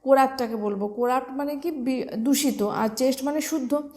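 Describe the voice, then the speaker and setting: A woman from West Bengal, India, with a Bengali accent teaches English vocabulary for exam prep, speaking fairly quickly in a high, slightly mellow voice. She explains each word step by step, spells it out letter by letter, and asks and answers her own questions.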